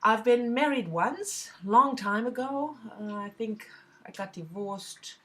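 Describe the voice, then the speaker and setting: A middle-aged book vlogger from southwest Germany with a German accent chats casually to camera, using lots of fillers and restarting her sentences. Her voice is on the high side, animated, and slow, with a pushed, bright quality.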